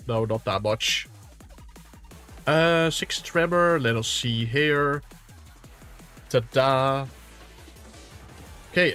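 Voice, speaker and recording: A man runs a tabletop role-play game, narrating each turn in a loose, rambling way with the odd light curse. His voice is bright and forceful at a middle pitch. Faint music plays underneath. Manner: casual, rambling, swears lightly. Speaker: game master.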